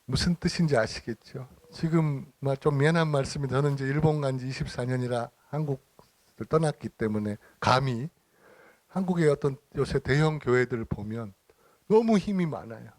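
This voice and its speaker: A man's voice: medium pitch, moderate pace, darkish tone, no echo. A middle-aged man giving an informal lecture, telling anecdotes with acted-out dialogue and frequent laughter. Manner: chatty storytelling, acting out dialogue, frequent laughter. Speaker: lecturer and church minister.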